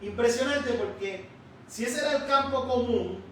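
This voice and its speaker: A man preaching a sermon in a church, slowly and emphatically, stretching out key words. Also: very high-pitched, a little hiss or hum. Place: church sanctuary. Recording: echoey church hall, distant mic.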